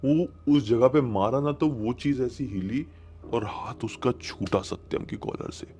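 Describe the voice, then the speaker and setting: A man with a mid-range, dark-toned voice tells a horror story a little slowly, keeping it conversational and suspenseful and repeating phrases for emphasis. He's a horror storyteller hosting his own channel, with music underneath and a slight hiss or hum on the recording.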